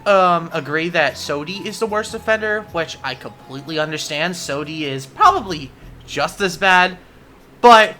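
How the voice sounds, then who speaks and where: A woman's voice: medium pitch, pushed and bright. A woman giving casual commentary in a gaming vlog, amused and sarcastic, often close to laughing. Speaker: gaming video creator.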